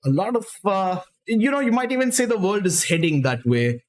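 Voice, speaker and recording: Young male streamer, rambling casual reader, slightly high voice. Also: lively intonation, normal speed. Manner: loose, rambling, many fillers. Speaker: streamer reading writing prompts. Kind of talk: casual live-stream chat and story reading.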